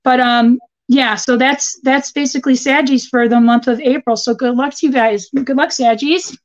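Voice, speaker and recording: A woman astrologer giving a casual horoscope reading, informal and halting as she thinks aloud. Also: high voice, steady tone, muffled recording, slight background noise. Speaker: guest astrologer.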